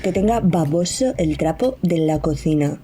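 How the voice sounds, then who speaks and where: Woman, Spain Spanish accent, slightly impeded speech from braces, deadpan comic monologue, mellow low-brightness tone, light background noise. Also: moderate pace. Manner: deadpan, sardonic. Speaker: guest contributor to a podcast. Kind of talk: comedic scripted monologue, reading a list.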